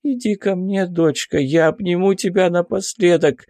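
A man narrating an audiobook, voicing a demon posing as a dead mother in a soft, higher voice. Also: moderate pace, dry recording, clean studio sound. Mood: pleading. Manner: soft, plaintive.

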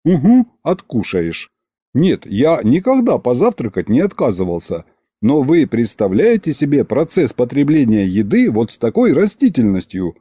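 Casual: guy reading a funny audiobook, animated, warm dark tone. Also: mid-range voice, moderate pace, slightly rough, no echo, clean studio sound. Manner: expressive, wry. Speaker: audiobook narrator. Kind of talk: first-person audiobook narration.

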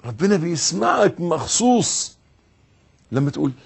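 Egyptian male preacher, slightly high voice, emphatic repetitions, loud-soft dynamics. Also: sing-song, moderate pace, gravelly, slightly rough. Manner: swings between loud emphatic bursts and soft hushed tones, repeating words. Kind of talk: sermon. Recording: audio recording.

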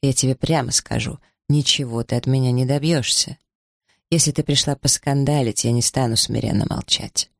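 A man's voice: medium pitch, fairly even intonation, moderate pace, vocal fry, dry recording, studio quality. A man reading aloud, putting on the voice of a bold, scornful young village woman with a mocking, haughty manner.

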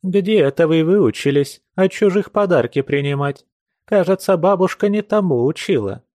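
A man's voice: a little high, animated, normal speed, warm tone, no echo, clean studio sound, voice pushed up, lightly acted. A male reader voicing a stern, imperious old grandmother who scolds sharply. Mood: stern, scolding.

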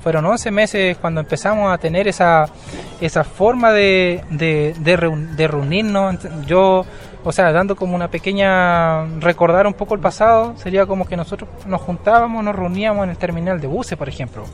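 A man's voice: high-pitched, moderate pace, soft background music. A young man in his twenties with a slightly raised voice, recounting his work at an easy interview pace. He talks in a hesitant way, full of fillers and restarts. He was recorded outdoors in a built-up area. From southern Chile. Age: 20s. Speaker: Mapuche language teacher. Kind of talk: casual interview account. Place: outdoors at a bus terminal.

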